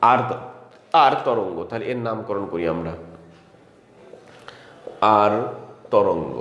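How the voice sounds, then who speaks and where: A male teacher giving an exam-prep lecture in a classroom. He talks fast with a lively, rising and falling pitch, asking questions and answering them himself. The voice echoes through a roomy hall over a faint hum of ambience. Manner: addresses students by name, repeats key terms.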